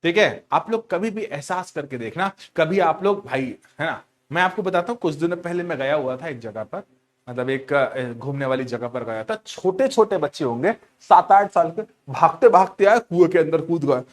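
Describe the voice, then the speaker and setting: A man teaching a class, animated and teasing, asking questions and repeating key words back to his students. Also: fairly high pitch, normal speed. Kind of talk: lively storytelling lecture.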